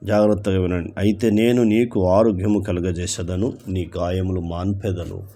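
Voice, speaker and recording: Deep, dark-voiced Telugu pastor preaching. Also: male voice, fairly even intonation. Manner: slow emphatic reading with repeated phrases. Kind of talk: sermon reading and expounding scripture.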